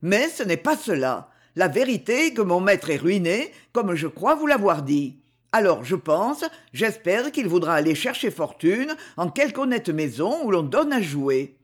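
A man's voice: high-pitched, very animated, a little slow, breathy edge, full character voice. A man doing Cogolin, a flustered dwarf servant. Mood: earnest. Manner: flustered, stammering. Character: timid male dwarf servant, eager. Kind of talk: audiobook reading.

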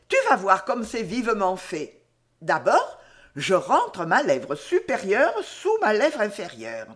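A woman voicing a teasing, playful young woman who adores her anxious lover, in an audiobook reading. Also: mid-range voice. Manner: teasing, playful, mock-exasperated.

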